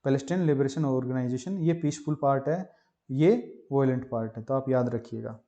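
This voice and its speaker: A man's voice: medium pitch, normal speed, dark tone. Man quizzing himself through a map lesson. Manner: repeats quiz questions and answers them himself. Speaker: teacher. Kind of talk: exam-prep map lesson with memory stories. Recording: muffled lo-fi voice-over.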